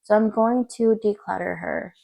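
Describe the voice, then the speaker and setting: A young woman vlogging at home with a gravelly, just-woken-up morning voice. She talks in a chatty, upbeat way, full of casual fillers, at a middle pitch. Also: normal speed, noisy background. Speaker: beauty vlogger. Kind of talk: casual makeup declutter vlog. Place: home room by a window in morning light.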